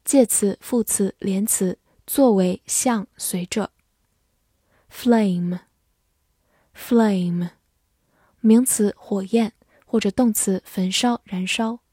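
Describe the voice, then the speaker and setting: A woman narrating a scripted vocabulary lesson, saying each English word twice and then defining it slowly. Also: mid-range voice, mellow, husky, dry recording, studio quality.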